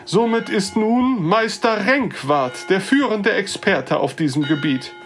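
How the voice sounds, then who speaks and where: An earnest older gentleman with a formal, old-fashioned way of speaking, as a narrator puts him on. His voice sits well above the teller's own, with a careful, slightly halting delivery fit for a storybook reading. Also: medium pitch, lively intonation, faint music behind, pitched above the performer's own voice, lightly acted.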